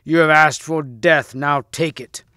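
A man voicing an arrogant robber knight who speaks slowly and scornfully. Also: high-pitched, sing-song, a bit bright, no room sound, clean studio sound, pitched above the performer's own voice, heavily acted. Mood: menacing. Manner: slow, scornful, threatening.

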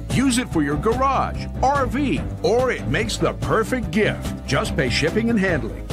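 A man giving an emphatic, urgent sales pitch as a home shopping host and infomercial announcer. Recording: music bed under voice. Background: music.

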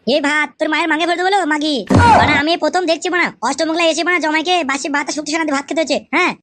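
A woman's voice: high-pitched, steady tone, heavy background noise, natural voice. Woman voicing a hot-tempered young son-in-law. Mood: indignant. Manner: rapid, swearing, indignant rants.

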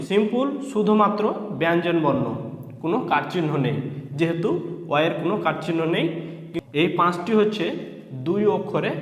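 A man's voice: sits high, fairly bright tone. Man teaching reading in an echoey room. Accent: Bangladeshi Bengali. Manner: slow, spells letters one by one then blends them; repeats each point patiently. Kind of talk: reading lesson for beginners. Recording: echoey room with long reverb.

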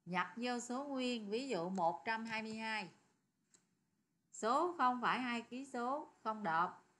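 A woman's voice: a little high, animated, slow, a bit bright. A woman teaching a programming lesson, chatty and often asking her students questions. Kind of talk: screen-recorded coding lesson.

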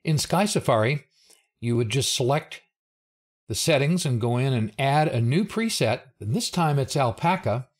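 A man's voice: mid-range voice, expressive, moderate pace. An older man presents a technical briefing in an explanatory, plain-spoken way, with informal asides. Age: older, 60s or above. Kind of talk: explanatory slide presentation narration.

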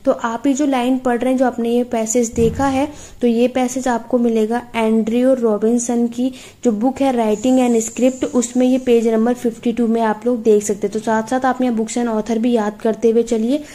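Mellow-voiced woman teaching exam prep. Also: on the high side, little pitch movement. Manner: explains patiently, often checking with "theek hai"; reads English passages slowly, then explains them in Hindi.

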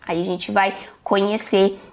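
A woman's voice: mid-range voice, level tone, unhurried. A woman teaching an online English lesson, explaining step by step and often checking in with "ok?".

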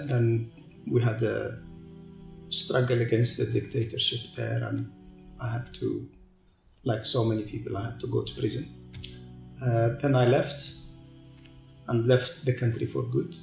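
A gravelly-voiced middle-aged man from Tunisia answers interview questions in a measured, pausing way. The sound carries the echo of a large room, and faint music runs underneath. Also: mid-range voice. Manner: measured, pausing speech with repeated restarts. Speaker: guest, TV channel executive. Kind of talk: sit-down interview. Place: large open-plan office.

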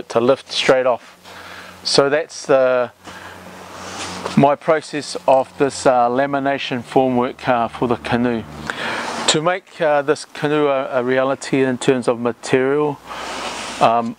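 A middle-aged canoe builder calmly explaining his build process to camera, with many ums and uhs, in a boat shed. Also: medium pitch, a little hiss or hum. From Samoa or Tokelau. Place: timber boat shed with plastic-lined walls.

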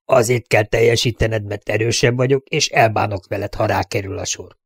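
A man's voice: lowish voice, husky, no echo. Blunt, domineering saloon bully voiced by a man, dry close audiobook sound. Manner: blunt and bossy. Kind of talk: audiobook character voice.

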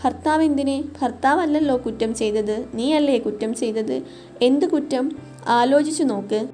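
A woman's voice: high-pitched, moderate pace, warm tone, faint music behind, lightly acted. A woman voicing a pitiless male policeman who gives curt, sneering orders in a read-aloud story.

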